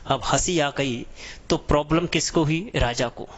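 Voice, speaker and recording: A male math teacher explains a lesson through a homespun story. He speaks in a chatty way, often calls his students "beta" and "sahab", and keeps asking whether they understand. His voice sits a little high for a man. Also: measured pace. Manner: chatty, addresses students as beta and sahab, asks checking questions.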